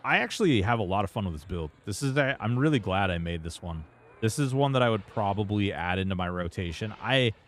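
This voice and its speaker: A man's voice: low voice, a little hiss or hum. A man streaming a game, chatting casually and rambling with lots of fillers and restarts. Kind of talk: casual gameplay commentary.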